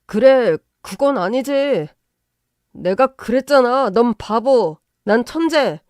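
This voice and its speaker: Smug spineless young husband, played by a woman, mellow dark tone, dry sound. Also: on the high side, expressive, slow, no room sound. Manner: pleading, then smug.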